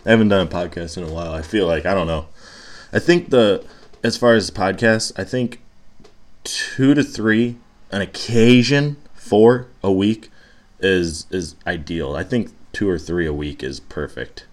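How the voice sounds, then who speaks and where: Low-voiced rambling young man. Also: normal speed. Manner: rambling, swears casually, many fillers and restarts. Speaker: podcast host. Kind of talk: casual solo podcast storytelling.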